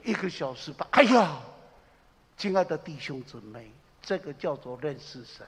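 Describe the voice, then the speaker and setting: A man preaching a sermon as a pastor, impassioned, swinging between loud exclamations and low confiding asides. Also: expressive, normal speed, breathy edge. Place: church sanctuary. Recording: reverberant church hall.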